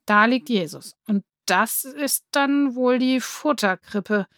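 A woman voicing a lively, curious young girl in a children's story, eager and outspoken. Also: on the high side, slow, no room sound, studio quality.

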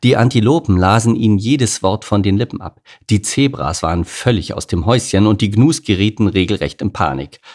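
A man narrating a children's animal story as an audiobook, reading lively and expressively. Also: on the low side, brisk, few pauses.

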